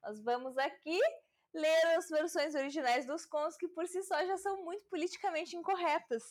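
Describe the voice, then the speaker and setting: A woman's voice: extremely high pitch, steady tone, normal speed. A woman hosting a homemade podcast from home late at night, reading fairy tales and commenting on them in a casual, irreverent way, swearing often and laughing at herself. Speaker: podcast host. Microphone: home mic.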